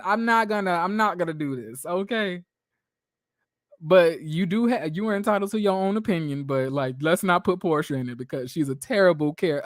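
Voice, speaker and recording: A man's voice: high-pitched, a bit bright, no room sound, clean studio sound. A man hosting a livestream recap of a reality show, reading viewer comments and answering in a blunt, sassy, profane way with many rhetorical questions.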